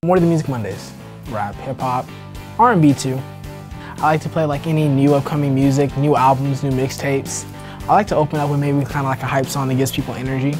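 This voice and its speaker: A young man, a college radio DJ, talking in a relaxed, easygoing way about his show in a radio studio. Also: mid-range voice, fairly quick, over music. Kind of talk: casual promo talk. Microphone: studio microphone with headphones.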